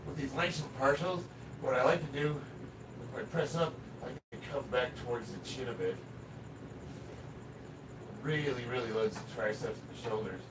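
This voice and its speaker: A man with a raspy, smoker-like voice chatting casually and bluntly on a livestream about his workout, swearing and bantering with commenters. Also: mid-range voice, normal speed, pauses often. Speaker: livestreamer lifting weights. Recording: distant mic with loud background noise.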